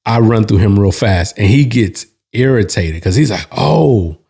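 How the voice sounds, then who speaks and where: A man hosting, telling a bar story in a relaxed, slangy way with restarts and asides. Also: lowish voice, normal speed, husky. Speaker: host. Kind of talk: casual storytelling.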